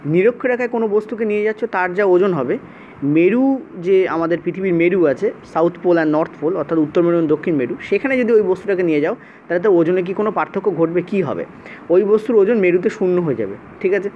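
A male teacher with a Bengali accent from West Bengal, giving a brisk exam-prep science lesson and checking in often with his students. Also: high voice, expressive. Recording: dull lo-fi sound with faint noise.

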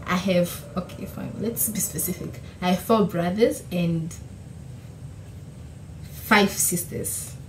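Her lowish voice comes slowly, with long pauses. She's a young Namibian YouTuber whose first language is Oshiwambo, seated facing the camera in a small room at home, chatting casually through questions, laughing and correcting herself amid an echoey room sound and faint hiss.

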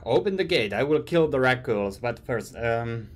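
Playing a game for his stream in a small room, a young man from Finland offers relaxed commentary in his Finnish accent. He speaks at a moderate pace with a medium-pitched, expressive voice.

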